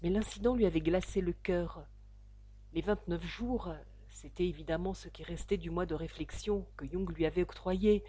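A woman narrating a classic novel aloud in a measured, steady reading voice, close to the microphone. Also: fairly low pitch, slightly rough. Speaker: audiobook narrator.

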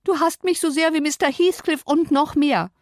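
A woman's voice: high voice, steady tone, moderate pace, no room sound, voice pushed up, natural voice. A woman reading an audiobook, voicing a proud, hurt young woman who pleads in tearful outbursts, in a dry recording. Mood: pleading. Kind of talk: audiobook character voice.

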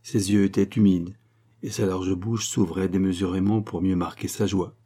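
Man, audiobook narrator, classic novel, measured, dark voice, husky. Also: low voice, fairly even intonation. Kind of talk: scripted literary narration.

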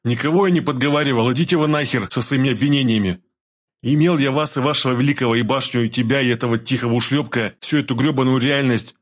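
A man voicing a desperate male captive who speaks loudly and with strain in his voice. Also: medium pitch, animated, moderate pace, hardly any pauses, breathy edge, pitched above the performer's own voice. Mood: hysterical. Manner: raised, pleading then raging.

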